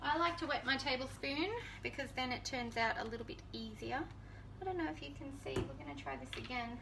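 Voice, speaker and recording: Chatty and relaxed, a woman in her thirties talks to her viewers as she cooks at home for her cooking vlog. Her high voice is animated, a little fast and gravelly, picked up by a distant mic with background noise.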